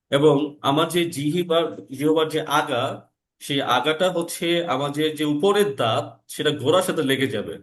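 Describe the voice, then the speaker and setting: A man teaching Quran recitation in an online class, explaining letter sounds and repeating them slowly for learners. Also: medium pitch, low-quality recording. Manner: slow, drawn-out recitation. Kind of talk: online lesson, slow and explanatory.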